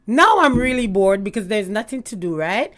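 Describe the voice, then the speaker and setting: A woman's voice: mid-range voice, sing-song, moderate pace, a bit bright. Chatty Canadian woman telling stories. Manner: chatty storyteller, laughs often. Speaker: guest, YouTube gossip host. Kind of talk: casual chat.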